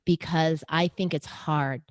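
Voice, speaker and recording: Middle-aged American woman, low-voiced, earnest and motivational, interview guest, dry recording. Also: takes it slowly, no echo. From United States. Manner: earnest, motivational, animated when quoting others. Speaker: podcast host and guest. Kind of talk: interview conversation.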